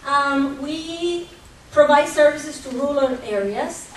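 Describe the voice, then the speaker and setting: A woman from gives an earnest, measured conference talk, pausing now and then with hesitations. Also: sits high. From Costa Rica. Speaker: conference presenter for a microfinance group. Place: conference hall. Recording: echoey hall, distant mic, faint hum.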